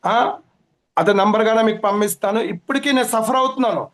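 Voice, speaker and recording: Brief: Telugu-accented man being interviewed, high-pitched, rapid, urgent and repetitive. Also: a bit bright. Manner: urgent, repetitive, rushing to explain. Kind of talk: agitated phone-in complaint.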